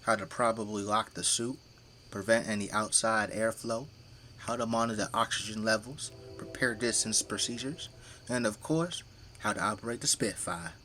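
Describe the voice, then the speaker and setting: The actor's voice is low, bright and forceful at a moderate pace as he voices the boastful, tipsy middle-aged father who burns zombies with a flamethrower in this audio drama. His tone stays matter-of-fact, his bragging folksy, colloquial and easygoing. Faint music sits behind him.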